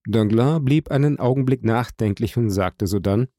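A man narrating an audiobook in a measured, dramatic reading style. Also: medium pitch, dark tone, dry recording, studio quality. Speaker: audiobook reader.

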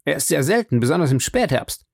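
A man voicing a watchful gentleman who speaks in a casual, indifferent tone. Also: fairly high pitch, big pitch swings, a little fast, gravelly, slightly rough, no echo, clean studio sound, voice pushed up, exaggerated voice. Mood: offhand. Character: offhand man, sly and watchful.

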